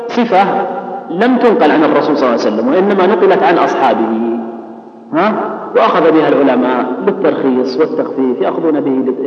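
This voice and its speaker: A man teaching a Quran recitation lesson, explaining rules patiently and drawing out words slowly to demonstrate them. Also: mid-range voice. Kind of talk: classroom lesson with recited examples. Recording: dull, echoey recording in a large hall.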